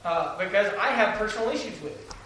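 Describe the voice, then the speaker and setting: High-voiced man through a face mask, very echoey. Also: lively intonation, fast talker, pushed and bright. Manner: speaking through a face mask, slightly muffled. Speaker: church member. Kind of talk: earnest debate in a church meeting. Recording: very echoey room, distant mic, faint noise.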